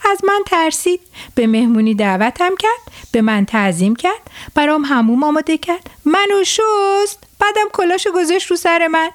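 A woman voicing a clever, boastful male rooster who crows loudly in a storybook tale for children. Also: very high-pitched, lively intonation, voice pushed up. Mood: crowing, boastful. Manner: loud crowing sing-song.

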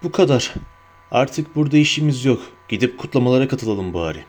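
A man voicing a calm, wise old wizard who speaks in a measured, dryly humorous way. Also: medium pitch, close to an everyday voice.

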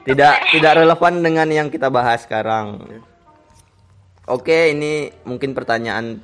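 A man's voice: mid-range voice, normal speed. A man hosting a casual, joking podcast chat, often repeating words for emphasis. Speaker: podcast host. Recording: music behind the voice. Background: background music.

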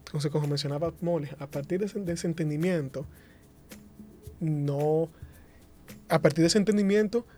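A man with a slightly high voice speaks on a discussion panel, measured and deliberate, restating his phrasing as he works toward the point. Faint music plays softly underneath. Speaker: panel guest.

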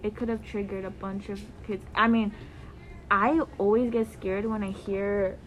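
A teenage girl chats on a student podcast in a rambling, loose way, stringing thoughts together with filler words. Her voice sits at a middle pitch for a girl. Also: fairly even intonation, a little slow, slight background noise, rough recording. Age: teens. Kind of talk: casual chat.

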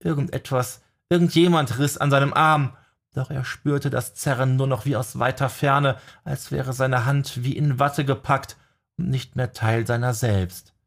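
Man, narrator, audiobook, slow, dramatic. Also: mid-range voice, fairly even intonation, gravelly. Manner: measured, dramatic storytelling.

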